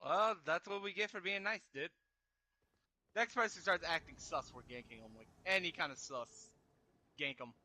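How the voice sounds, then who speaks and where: A young man in casual banter while playing a video game with a friend, excitable, laughing often and swearing freely. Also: sits high, moderate pace. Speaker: co-op gaming partner.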